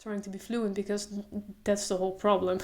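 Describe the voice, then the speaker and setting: A young woman creating a video speaks casually to camera in a mid-range voice. At first she stutters openly, repeating sounds and pausing; after that her speech becomes relaxed and slow.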